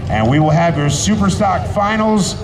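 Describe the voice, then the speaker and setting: A man announcing dirt drag races live in a tractor pull announcer style, calling out to the crowd in drawn-out phrases. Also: sits high, animated. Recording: loud engine and vehicle noise.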